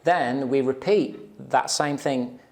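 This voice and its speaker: In a slow, gravelly, mid-range voice, a young guitar teacher counts beats aloud and explains a casual lesson one step at a time. He wears a lapel mic in a small indoor studio while electric guitar plays.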